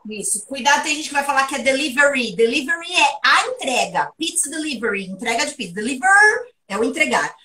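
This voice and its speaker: A woman giving a private English lesson, lively and playful as she runs question drills. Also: sits high, fairly quick, few pauses, recorded from a distance. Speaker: English teacher.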